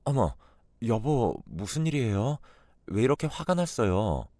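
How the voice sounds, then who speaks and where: A man's voice: on the low side, big pitch swings, measured pace, a little mellow, dry recording, clean studio sound, exaggerated voice. A man voicing an indignant young wife. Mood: shocked. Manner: pleading, then sharply indignant. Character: young married woman, upset and indignant.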